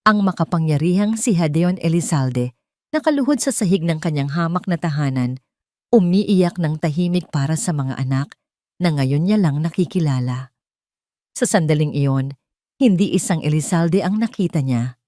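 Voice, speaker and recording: Her voice sits low and a little mellow as this Filipino-accented woman reads a dramatic scripted story as a storyteller. The recording is dry, with clean studio sound.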